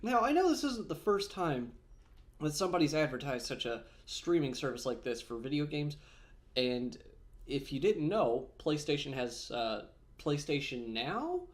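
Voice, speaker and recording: A man's voice: a little high, big pitch swings, unhurried. A man chatting casually in a gaming vlog, rambling with many fillers and self-corrections, snacking on almonds as he talks. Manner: snacks on almonds while talking. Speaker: gaming vlogger.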